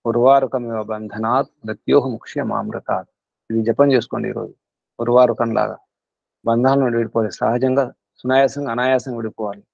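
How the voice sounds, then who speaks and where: An earnest Telugu guru leads a spiritual class and drives his points home through repetition. His mid-pitched voice comes through dry and slightly muffled. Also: vocal fry, no room sound.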